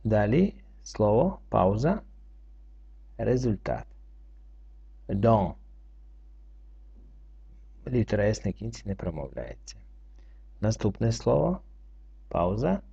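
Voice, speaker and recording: A man teaching French reading, going through it slowly word by word and spelling out letters and rules. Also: lowish voice, big pitch swings, gravelly, mellow, breathy edge. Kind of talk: slow word-by-word reading lesson. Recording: dull lo-fi recording.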